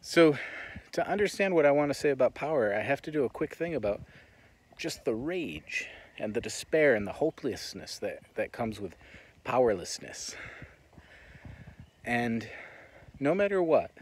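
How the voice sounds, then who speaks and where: A man's voice: mid-range voice, sing-song, moderate pace, long pauses, breathy edge. A man with an American accent giving an earnest, reflective monologue as he walks and talks. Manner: earnest, reflective, talking while walking. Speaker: vlogger. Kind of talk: walk-and-talk monologue. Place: on the move while walking.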